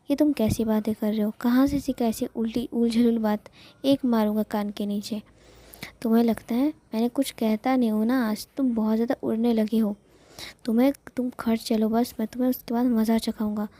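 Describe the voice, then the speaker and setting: A stern young man, as a woman tells it, scolds and threatens in short bursts. The voice is soft and mellow, a little high. It is close and dry. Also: steady tone, normal speed, no room sound, close to an everyday voice. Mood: angry. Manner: scolding, bossy. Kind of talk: storytelling with voiced characters.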